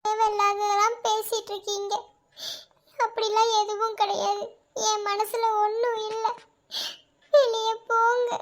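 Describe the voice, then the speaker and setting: A woman doing a tearful young cartoon heroine who keeps pushing her suitor away. Her voice is very high and light, clipped and defensive, with the strain of held-back crying. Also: steady tone, fairly quick, fairly bright tone. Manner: defensive, curt, dismissive. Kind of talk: cartoon love-story voice acting.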